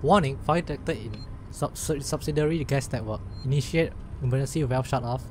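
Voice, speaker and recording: A man's voice: medium pitch, brisk, darkish tone, a little hiss or hum. A man doing gameplay commentary and reading in-game text aloud as he plays. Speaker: gamer, let's play host.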